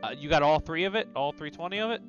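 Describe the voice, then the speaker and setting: A man streaming a game with a friend, reading the game's text aloud and thinking out loud, swearing often. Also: fairly high pitch, fast, lo-fi sound, soft background music.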